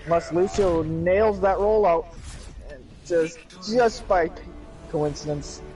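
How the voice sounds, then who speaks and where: A man giving live play-by-play commentary on an esports match, with excited calls and joking asides. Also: on the high side, takes it slowly, soft background music. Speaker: esports caster.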